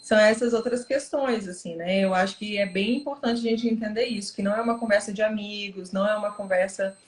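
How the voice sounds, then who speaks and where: A woman psychologist with a Brazilian Portuguese accent, talking in an animated, emphatic casual conversation. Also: mid-range voice, quick pace, echoey room.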